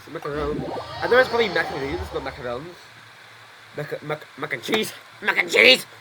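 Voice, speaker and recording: A young man casually commenting on his gameplay, rambling and excitable, swearing often. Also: on the high side, background noise. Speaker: gaming YouTuber. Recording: voice over loud game music.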